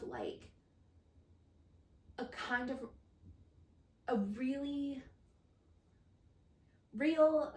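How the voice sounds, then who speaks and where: Chatty, gushing woman reviewing books, a touch high-pitched, mic set back from her. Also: darkish tone. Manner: chatty and gushing, with frequent laughs. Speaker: book reviewer. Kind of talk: casual chat. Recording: roomy sound from a distant mic.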